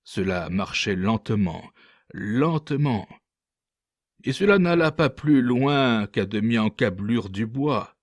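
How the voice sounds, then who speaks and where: A man's voice: medium pitch, slow pace, dry recording, clean studio sound. A man voicing a boastful, scornful male ship's interpreter telling a mocking tale in a storybook reading. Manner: lively mocking anecdote-telling.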